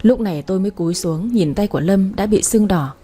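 A woman's voice: medium pitch, animated, fairly quick, mellow, husky. A woman narrating an audiobook romance story in a dramatic storytelling manner. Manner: dramatic, voices each character's lines. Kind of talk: storybook narration with acted dialogue.

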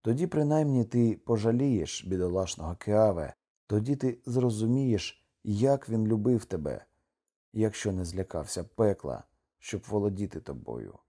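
A man's voice: fairly low pitch, expressive, dark tone. A man voicing a doomed, grieving husband. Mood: tender. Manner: slow, heavy, mournful delivery. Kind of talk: audiobook character reading.

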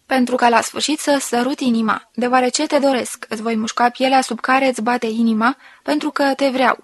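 A woman voicing a sensual woman who slowly and softly reads out an intimate love letter. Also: on the high side, fairly even intonation, natural voice. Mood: intimate, tender. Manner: slow, soft, intimate reading.

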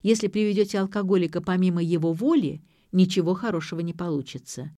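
A solemn middle-aged administrator recites the clinic's rules in a formal, pompous manner, as a woman reader voices her. The voice sits low and close in a dry recording. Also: fast talker, dark tone, dry recording, close to an everyday voice.

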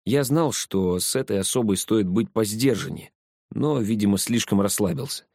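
A man reading a first-person story aloud as an audiobook narrator, in a steady storytelling delivery. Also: lowish voice, moderate pace, husky, no echo, clean studio sound.

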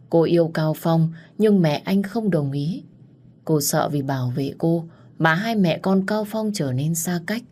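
A woman narrating a romance audiobook in a steady, even reading. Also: deep voice, breathy edge.

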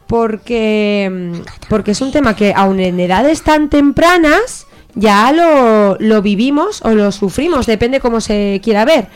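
Young woman from spain hosting kids radio, higher pitched, patient n playful, faint music underneath. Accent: Spain Spanish. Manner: patient, gently steering children, playful. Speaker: radio host interviewing children. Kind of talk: casual children's radio chat. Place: radio studio.

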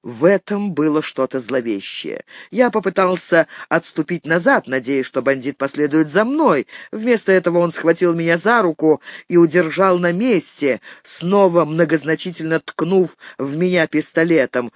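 A man reading a first-person audiobook in a measured, tense storytelling voice. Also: fairly high pitch, animated, dry recording, studio quality. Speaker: audiobook narrator.

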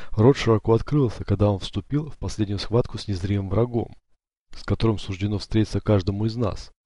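A man narrating an audiobook in a steady, measured way. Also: lowish voice, dry recording. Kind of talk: scripted narration.

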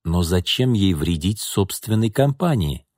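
A man's voice: sits low, animated, unhurried, darkish tone, no room sound, studio quality. A man voicing a reserved, guarded young man in an audiobook, speaking curtly and with restraint. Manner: curt, restrained. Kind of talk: audiobook character reading.

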